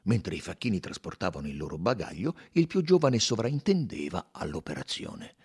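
Expressive male audiobook narrator. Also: low voice, normal speed, husky. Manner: expressive, sweeping intonation. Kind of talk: scripted narration.

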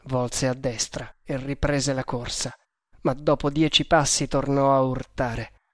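A man reading an adventure novel aloud as audiobook narrator, in a measured, dramatic manner. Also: mid-range voice, level tone, fairly bright tone, no room sound, clean studio sound.

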